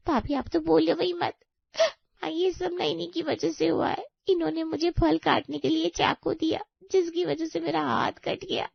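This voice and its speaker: A woman's voice: on the high side, moderate pace, no room sound, natural voice. A woman voicing a spiteful, scheming young sister-in-law in a cartoon story, with an accusing, whiny manner. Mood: whining. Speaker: voice actor. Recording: dry, slightly dull audio.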